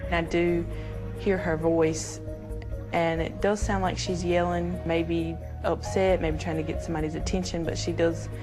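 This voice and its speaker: Deep-voiced woman, earnest interview. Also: level tone, a little slow, over music. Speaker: friend of the victim.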